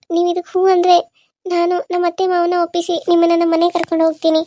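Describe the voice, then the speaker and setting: A woman voicing a gentle, persuasive young wife. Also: very high voice, no echo. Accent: Kannada. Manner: gentle, reassuring, earnest. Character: young married woman, calm and persuasive, caring. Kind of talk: cartoon serial voice acting.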